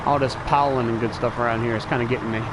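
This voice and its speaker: A man with allergy-stuffed sinuses streams a truck-driving game, thinking aloud in casual live commentary in a fast, steady, mid-range voice. The game's truck engine and vehicle sounds are clearly audible behind him.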